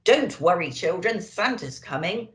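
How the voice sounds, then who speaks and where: Woman acting jolly old Santa, hearty exclamations, reassuring, swooping pitch, storybook character, echoey room. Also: sing-song, a little slow, a bit bright.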